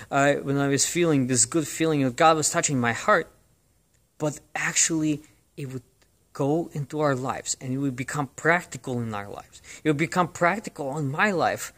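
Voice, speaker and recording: A man's voice: a little high, moderate pace, a bit bright. A man giving a short devotional talk, earnest and exhorting, repeating phrases for emphasis.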